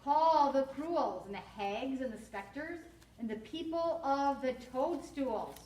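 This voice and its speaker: A woman's voice: high-pitched, expressive, slow pace, mellow. A teacher reading as a desperate, commanding witch. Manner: commanding, read aloud from a book. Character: desperate scheming female witch giving orders. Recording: roomy classroom from far off.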